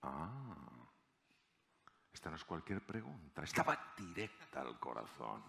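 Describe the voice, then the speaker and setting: A man's voice: rumbling low, measured pace, creaky, slight background noise. A man giving a talk, telling a story and acting out its characters as he goes. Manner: animated, acts out the characters in the story. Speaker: speaker.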